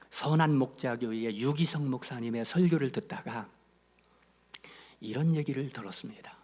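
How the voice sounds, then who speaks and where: A male pastor preaching a sermon, telling a story with sudden drops to a whisper and loud emphatic peaks. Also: medium pitch. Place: church sanctuary.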